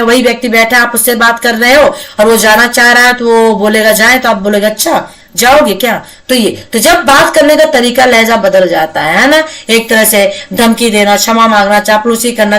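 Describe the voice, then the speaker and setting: A woman's voice: on the high side, fairly bright tone, far from the mic. A woman tutor giving a casual exam-prep lecture, chatty and repetitive, often adding tag questions and slipping English words into her explanations.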